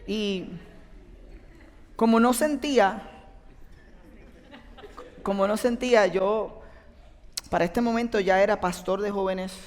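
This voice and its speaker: A man's voice: high voice, slow pace, long pauses. Pastor in his 30s, chatty sermon to a live congregation, long hall reverb. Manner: conversational, addresses the audience directly. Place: church auditorium with an audience.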